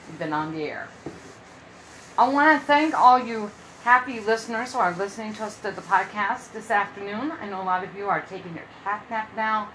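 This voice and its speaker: A woman in her early fifties rambles through a casual solo podcast from her room at home, often repeating herself. Her mid-range voice sounds pushed and bright, and the rough recording has slight background noise.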